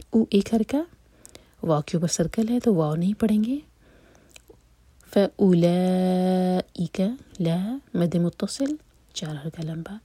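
A woman leads a patient recitation lesson in a mellow, slightly husky, lowish voice. She stretches the recited words out slowly, then explains in a soft half-whisper. The sound is close and dry, with no room around it. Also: dry recording. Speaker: Quran recitation teacher.

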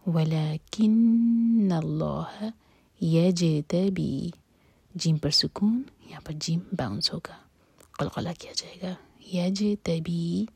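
A woman giving a whispered tajweed lesson. She whispers each rule in a breathy voice, then recites the verse slowly and aloud. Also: on the low side, warm tone, no room sound. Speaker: Quran recitation teacher.

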